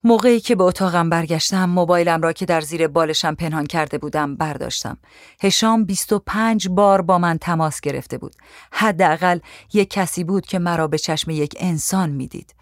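Brief: first-person memoir narrator, somber and steady, dry close recording. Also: medium pitch, no room sound. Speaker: audiobook narrator.

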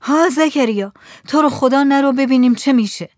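A man's voice: extremely high pitch, dry recording, studio quality, pitched above the performer's own voice. A woman voicing a frightened fisherman. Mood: fearful. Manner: trembling, pleading, anxious. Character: frightened superstitious village fisherman.

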